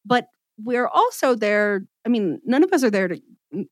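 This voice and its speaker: A woman hosting a casual podcast interview, chatty and animated, with self-deprecating humor. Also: fairly high pitch, normal speed, no echo. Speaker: podcast host.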